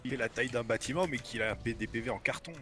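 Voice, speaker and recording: A man's voice: medium pitch, racing, bright, forceful tone. A man co-playing a video game, throwing in casual asides and comments. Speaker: co-player.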